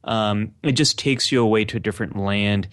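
Male podcast co-host, casual and upbeat, deeper voice, dry booth sound. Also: moderate pace, a bit bright, dry recording. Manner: chatty, enthusiastic, with frequent fillers and restarts. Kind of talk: casual chat.

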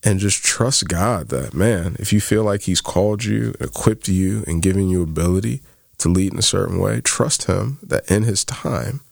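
A man in his thirties co-hosts a faith-based podcast, casually telling stories, quoting others, and leaning on fillers like "like." His deep, gravelly voice has lively intonation and a moderate pace. It's studio quality with no echo.

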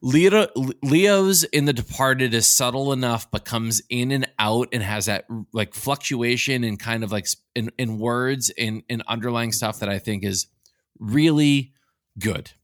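A man's voice: mid-range voice, no echo, clean studio sound. A man from Massachusetts, co-hosting a podcast in casual chat, swearing freely and restarting his sentences. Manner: swearing, quick restarts, animated. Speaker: podcast co-host.

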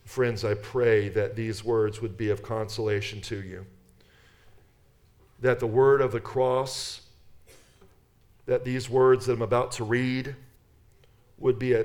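A man's voice: on the low side, darkish tone. A man preaching a sermon, reading scripture with earnest emphasis and then leading a prayer. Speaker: pastor.

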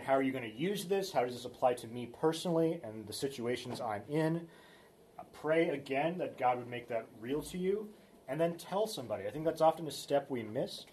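Male Bible study teacher, easygoing talk, mid-pitched voice, stops and restarts often. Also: a little mellow. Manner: conversational, loose, with many fillers and restarts.

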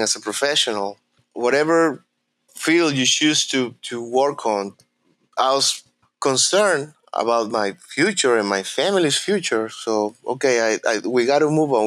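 A man with a Venezuelan Spanish accent and Spanish as his first language tells his own story in a reflective, halting way, often repeating words as he searches for them. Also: mid-range voice, a bit bright, no room sound. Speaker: interviewee. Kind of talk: personal storytelling.

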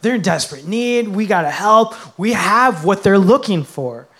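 A man's voice: high voice, lively intonation, moderate pace, a bit bright. A man preaching who voices an eager male chicken in a sermon fable, speaking urgently and earnestly. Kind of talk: sermon illustration.

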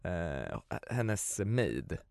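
A man's voice: low-pitched, very animated, vocal fry, a little mellow, no room sound, studio quality. A man co-hosting a casual chat, joking in a blunt and crude way. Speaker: podcast co-host.

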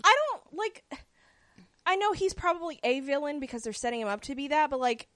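A woman with a Southern US accent co-hosting a casual podcast, chatty and quick to swear. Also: high-pitched, lively intonation, a bit bright, no room sound. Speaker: podcast co-host.

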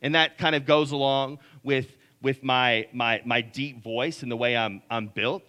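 A pastor with a deep voice preaches a conversational sermon full of restarts, repeated words, and frequent "right?" checks. His delivery is pushed and bright, with fairly even intonation and a measured pace.

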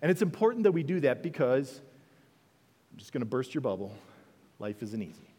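A man's voice: mid-range voice, very animated, a little fast, husky, in a large hall. A male pastor preaching a sermon in a church, conversational and full of rhetorical questions. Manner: conversational preaching, rhetorical questions, dips soft then rises.

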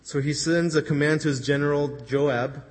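A man's voice: a little high, fairly even intonation, moderate pace, husky. A man preaching a sermon, retelling a story in an earnest, conversational way and quoting the people in it. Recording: long hall reverb.

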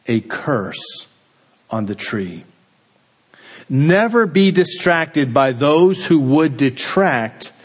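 A man delivering a sermon at a measured, unhurried pace. His voice sits in an ordinary middle register, and he lets each phrase sink to a low, quiet close. He speaks with the steady weight of a pastor addressing his congregation. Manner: slow, deliberate delivery with dramatic drops in pitch and volume at phrase ends.

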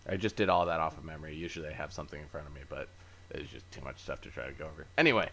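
A man's voice: extremely low pitch, racing, sharp tone, slight background noise. A man hosting a podcast, casually recapping from memory in a rambling, easygoing way with many fillers and self-corrections. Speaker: podcast host. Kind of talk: casual chat.

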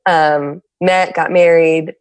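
Her voice low, steady and smooth, a middle-aged San Diego woman talks candidly in a reflective conversational podcast interview, pausing often and restarting as she searches for words. The close, dry recording carries no room sound.

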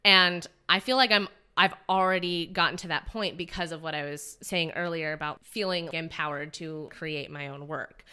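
A woman's voice: on the low side, fairly even intonation, normal speed, few pauses, pushed and bright, clear, resonant tone. A woman in her twenties, a podcast guest talking about her acting career in an earnest, rambling way, full of likes and restarts. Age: 20s. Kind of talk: casual podcast interview.

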